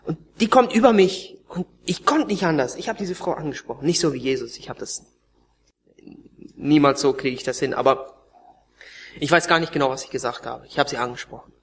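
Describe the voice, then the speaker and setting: A man preaching with strong feeling, his voice sitting a little high for a man. He climbs into loud, urgent pleading, then sinks to soft, breathy near-whispers as he tells his own story to the congregation. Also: animated, a little fast. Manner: emotional, swinging between raised pleading and hushed near-whispers. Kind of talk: sermon testimony.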